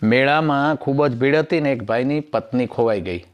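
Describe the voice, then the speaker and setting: A man's voice: medium pitch, normal speed, smooth. Rustic man telling jokes. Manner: rustic storyteller, acts out each joke character. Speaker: comedian. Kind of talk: stand-up joke telling.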